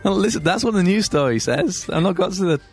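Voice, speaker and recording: A man hosting a comedy podcast, reading news stories aloud with halting restarts. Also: high-pitched, lively intonation, faint music behind. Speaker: host.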